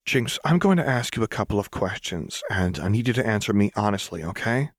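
A man voicing a gentle, worried young woman who speaks softly and carefully. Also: on the low side, expressive, a little fast, no echo, studio quality. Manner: soft, coaxing, careful.

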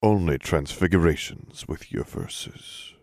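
A man voicing an ancient, deep-voiced wizard. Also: darkish tone, no echo, studio quality. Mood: chanting. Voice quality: deep and resonant. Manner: slow, low rhythmic chanting cadence. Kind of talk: audiobook character voice.

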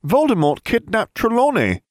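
A man putting on a petulant teenage boy wizard with a high, whiny voice that jumps around a lot. The delivery is quick and self-justifying, and the sound is dry and close. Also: huge pitch swings, no echo. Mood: pleading.

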